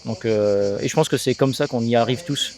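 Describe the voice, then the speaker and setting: At a moderate pace and medium pitch, a slightly mellow-voiced man from Alsace, France, in his thirties, chats through an interview. He co-founded a sales agency and is casual and talkative, peppering his speech with business jargon.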